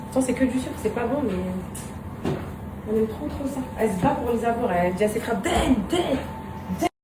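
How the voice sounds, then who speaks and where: A woman talks casually to her camera in a home kitchen, warmly confiding in her viewers. Her voice sits a little high, and it sounds roomy and distant from the mic. Household noise can be heard clearly in the background. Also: brisk. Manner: chatty and confiding, addresses viewers as pets; soft and tender with her children. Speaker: vlogger.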